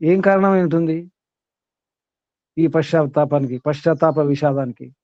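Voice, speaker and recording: Male teacher, upper-middle pitch, emphatic rhetorical style, dry dull recording. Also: normal speed, darkish tone, no room sound. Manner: asks many rhetorical questions, emphatic. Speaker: spiritual teacher. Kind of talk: discourse with questions to students.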